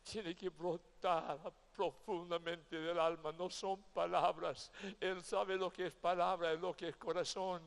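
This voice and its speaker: Slow, gravelly-voiced male pastor. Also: high-pitched, level tone. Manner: emotional, with sharp swings from loud to hushed. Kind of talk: sermon. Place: convention event.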